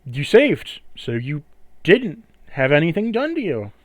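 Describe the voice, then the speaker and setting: A man's voice: a little high, wildly swooping pitch, unhurried, no echo. A man narrating a tabletop fantasy game as its game master, explaining events and rules to players.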